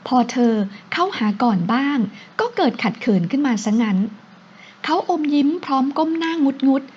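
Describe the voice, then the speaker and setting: A woman author narrating her own novel in a steady, unhurried reading voice, on a dull recording with faint hiss. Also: sits high.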